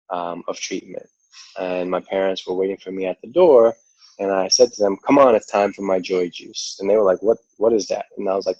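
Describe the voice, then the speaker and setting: New York man, podcast guest, low voice, casual storyteller, dry, slightly muffled sound. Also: no room sound. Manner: relaxed, rambling, heavy use of "like" and "you know". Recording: dull lo-fi audio.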